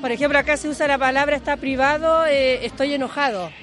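A woman's voice: high-pitched, steady tone, fast, a bit bright, faint music behind. A woman from Chiloé, explaining local slang in a casual street interview. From Chiloé, Chile.

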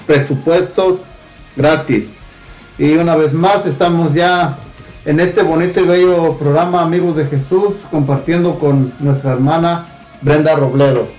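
A man's voice: on the high side, darkish tone, low-quality recording. A man hosting a radio show, reading an ad hesitantly at an uneven pace. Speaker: radio host. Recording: faint music behind.

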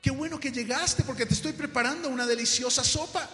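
A preacher voicing an affectionate, gentle wife speaking to her husband. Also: extremely high pitch, fairly quick, pitched above the performer's own voice. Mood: loving. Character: sweet, loving young wife. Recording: echoey hall with faint music.

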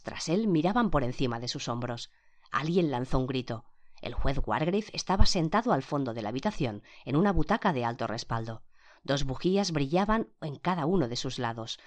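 A narrator reading a mystery novel aloud as scripted audiobook narration, giving the quoted characters their own voices. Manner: acts each character's quoted lines with pitch and loudness shifts.

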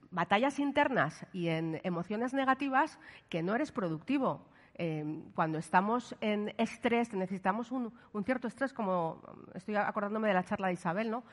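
A woman giving a lively workshop talk to an audience. She asks the listeners questions and checks in with them often. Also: medium pitch. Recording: long hall reverb.

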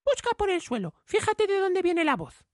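A man voicing a tiny, cheeky boy in a storybook reading, with a high squeaky childlike voice. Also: huge pitch swings, normal speed, no room sound, clean studio sound, exaggerated voice. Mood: eager. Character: tiny brave boy Tom Thumb, cheeky.

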